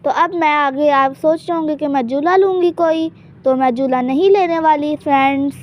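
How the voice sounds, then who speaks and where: A woman's voice: high voice, moderate pace, a little mellow. A woman casually narrating a life-sim game in character, chatty and teasing, often hinting at secrets she won't share. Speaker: gameplay channel host.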